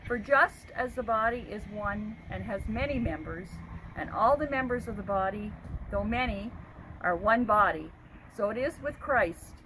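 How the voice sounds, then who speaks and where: An older woman giving a measured scripture reading as a lay reader. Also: mid-range voice, lively intonation. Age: older, 60s or above. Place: outdoors by a brick house. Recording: outdoor recording, faint traffic noise.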